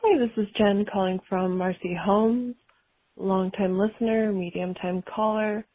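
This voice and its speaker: A woman's voice comes through a tinny, narrow phone-line voicemail, dry and close with no room around it. Her pitch sits mid-range as she leaves a casual, jokey message. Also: fairly even intonation, a little slow, no echo. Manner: light and jokey. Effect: voicemail heard over a phone line. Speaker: caller leaving a voicemail.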